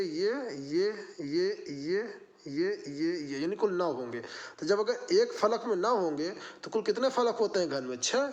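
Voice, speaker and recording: A man. He walks through each problem one step at a time, asking the class questions and then answering them himself. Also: high voice. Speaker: math teacher. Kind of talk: exam-prep math lesson.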